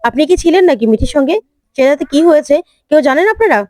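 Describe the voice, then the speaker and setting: A furious young husband who scolds and warns an elder in sharp, clipped lines, as a woman narrator plays him. The voice sits high and dry, close to the mic, in a plain retold serial drama. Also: animated, fast talker, no echo. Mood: angry. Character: angry young man defending his wife.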